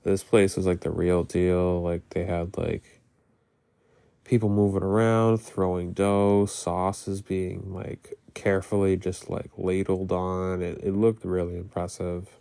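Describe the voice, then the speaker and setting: Gravelly, congested low-voiced man. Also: level tone, mellow. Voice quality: gravelly, phlegmy throat. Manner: halting, rambling, heavy use of "like"; casual swearing. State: sick, congested with mucus in throat. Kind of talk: casual personal diary-style talk.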